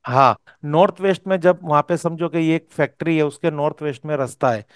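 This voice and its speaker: Brisk and a little high, a man with a clean tone teaches vastu, walking his student through each step and frequently asking "okay?" to confirm they follow. The studio-quality recording has no echo.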